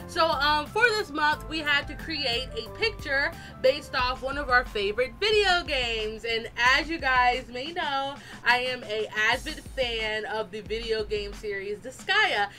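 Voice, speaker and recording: A woman with a high, bright voice talks casually as she narrates her art video. She is chatty, animated and quick to poke fun at herself. Soft music plays behind her, and a fan is running nearby. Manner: chatty, animated, self-deprecating. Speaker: artist and video host. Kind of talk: casual speed-drawing voice-over.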